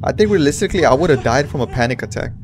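A man hosting a reaction video, giving casual commentary in an animated, slangy, ranting way. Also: mid-range voice, racing, music in the background.

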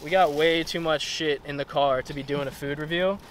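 A man's voice: a little high, fairly even intonation, fairly quick, slight background noise. A man in his twenties talking casually to his phone camera as a fitness vlogger, laid-back, upbeat and full of slang. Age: 20s. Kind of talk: casual vlog talk to camera. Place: car, restaurant and home kitchen.

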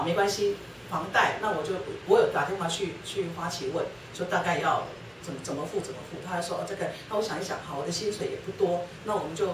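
A middle-aged woman gives a church testimony at a brisk pace, acting out each exchange she recalls. She sounds set back from the microphone, and the hall around her is roomy and echoing. A faint hiss sits under her voice. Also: on the low side. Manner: storytelling, acting out quoted dialogue. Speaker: guest speaker sharing her testimony with her husband. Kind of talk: personal testimony talk at a church lecture. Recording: roomy hall, distant mic, faint noise.

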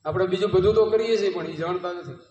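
Speaking fast in a high, slightly mellow voice, this Gujarati-accented man preaches a devotional satsang in a home courtyard. He shares parables, asks rhetorical questions, and quotes devotional verses, all picked up by a far-off mic in a roomy space that rings with long reverb.

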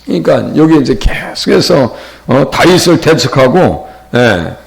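A man's voice: mid-range voice, very animated, measured pace, vocal fry. A middle-aged male pastor with a Chungcheong accent, preaching conversationally and asking his listeners questions. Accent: Chungcheong Korean. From Chungcheong, Korea. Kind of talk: sermon.

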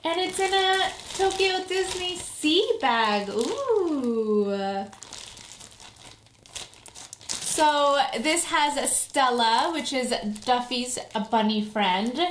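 Female unboxing host, higher-pitched, excited fan gushing casually to viewers, recorded in an echoey room. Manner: excited, gushing fan, drawn-out emphasis and delighted exclamations. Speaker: vlog host. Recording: echoey room, some background noise.

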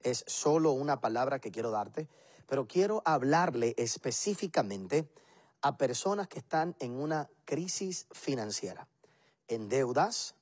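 A man's voice: medium pitch, lively intonation, unhurried, a little mellow. A man, a pastor, preaching and praying on a televised program, earnest and building his points in emphatic repeated lists. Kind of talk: televised sermon and prayer.

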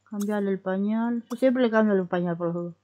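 A woman's voice: mid-range voice, brisk, dark tone. Chatty Rioplatense woman coaxing her game characters. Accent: Rioplatense Spanish. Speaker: gaming YouTuber. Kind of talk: casual let's-play commentary.

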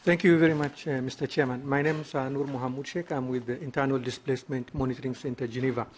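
A man's voice: mid-range voice, fairly even intonation, fast talker, slight background noise. A man from Somalia, asking a formal question from the floor at a conference, polite and hesitant with many ums. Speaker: audience questioner. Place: large conference hall. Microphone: table microphone.

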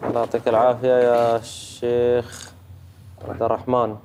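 A man's voice: mid-range voice, monotone, moderate pace, dark tone, a little hiss or hum. Patient Gulf Arabic man teaching recitation. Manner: patient, demonstrates sounds and checks in with "tamam?". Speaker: Quran recitation judge. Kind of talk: tajweed teaching feedback.

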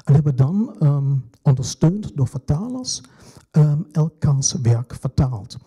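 Husky, hesitant moderator. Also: male voice, fairly high pitch, big pitch swings, slow pace, mellow. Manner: hesitant, explanatory, with many fillers. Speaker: festival moderator. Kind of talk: moderating a literary event.

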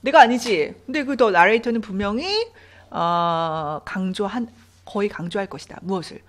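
A woman's voice: medium pitch, expressive, unhurried. A woman English teacher explaining reading passages and grammar step by step, asking her students questions as she goes. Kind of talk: online English reading lesson.

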